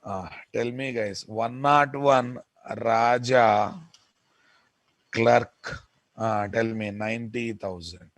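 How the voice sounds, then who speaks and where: A man with a Telugu Indian accent teaching software in an informal lecture, repeating points emphatically and often checking with listeners. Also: mid-range voice, fairly even intonation, slow pace, no echo. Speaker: programming instructor.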